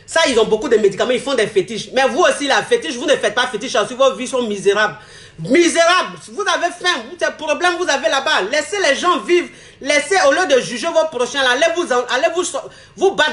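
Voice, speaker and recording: A woman's voice: a little high, fairly bright tone. A woman, ranting emphatically to her viewers in a repetitive, mocking tone with frequent laughs. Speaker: vlogger. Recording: roomy echo.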